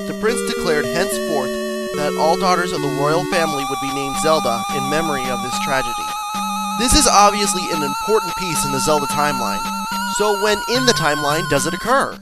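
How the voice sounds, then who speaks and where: A man's voice: a little high, rough recording. A man delivering an opinionated, scripted video game review as narration. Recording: loud music bed under voice. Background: loud music.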